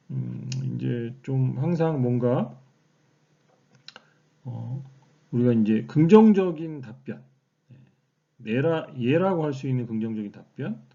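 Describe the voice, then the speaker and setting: Dark, gravelly-voiced man lecturing. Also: medium pitch, lo-fi sound. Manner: explanatory, with many fillers and rhetorical questions. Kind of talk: recorded online lecture.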